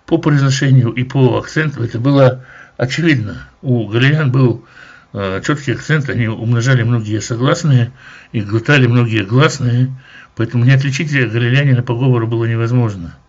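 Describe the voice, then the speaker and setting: A Bible teacher works through a chapter verse by verse, measured and explanatory, hesitating now and then. His voice is ordinary in pitch with a husky edge. The recording sounds dull and lo-fi.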